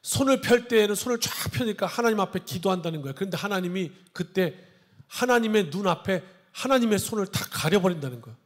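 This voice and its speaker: A man's voice: high voice, expressive, fast talker. A man preaching a sermon as a pastor, reading scripture aloud and then explaining and exhorting the congregation. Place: church sanctuary. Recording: long hall reverb.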